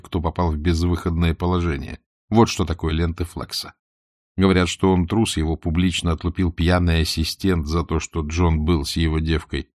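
A man with a very low voice reads a novel aloud, steady and unhurried. The recording is close and dry, with no room sound around him. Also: dry recording. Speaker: audiobook reader. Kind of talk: audiobook narration.

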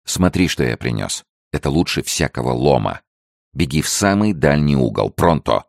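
A man voicing a cheerful, bold rescuer who talks in a brisk, friendly way. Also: very deep voice, sing-song, creaky, no echo, clean studio sound, exaggerated voice.

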